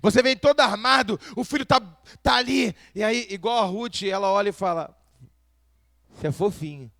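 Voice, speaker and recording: Male preacher from Brazil, high voice, dry close sound, addresses the congregation with frequent questions. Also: animated, moderate pace, gravelly, fairly bright tone, no echo. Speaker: pastor. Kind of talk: sermon.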